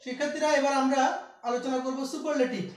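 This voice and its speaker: Man from Bangladesh teaching grammar, high-pitched, recorded from afar in a roomy space. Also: steady tone, fast talker. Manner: repeats key steps, asks students questions. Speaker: English teacher. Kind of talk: classroom grammar lesson. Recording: echoey room, distant mic.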